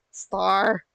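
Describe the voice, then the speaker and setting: A woman's voice: mid-range voice, creaky, bright, forceful tone, slight background noise, rough recording. A woman gamer giving casual, candid, joking commentary as she reads through a story game.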